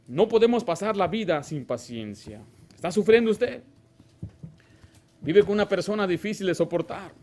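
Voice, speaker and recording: A man's voice: sits high, expressive, normal speed, a little mellow. A male pastor preaching a Baptist sermon, asking the congregation rhetorical questions and acting out little dialogues. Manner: acts out short dialogues in a raised voice.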